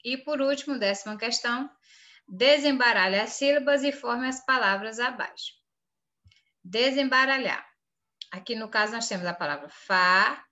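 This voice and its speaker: A woman's voice: a little high, normal speed, pushed and bright, dull audio. A woman teacher with a Brazilian Portuguese accent, reading through an exam and firmly urging her pupils not to make mistakes.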